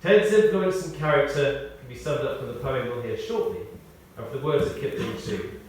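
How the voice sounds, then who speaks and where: A medium-pitched British man reads aloud a scripted tribute to the deceased, sprinkled with humorous tales. He narrates steadily but with animated rises and falls, pausing for effect and emphasising key words. The room is large and very echoey, the microphone some way off, and a little noise can be heard.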